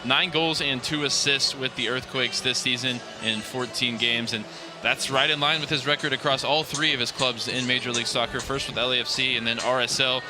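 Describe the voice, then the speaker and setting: A man calling a soccer match as the radio play-by-play announcer, delivering lineups and statistics in a brisk, polished way from a stadium booth. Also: medium pitch, steady tone, over music. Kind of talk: radio sports broadcast.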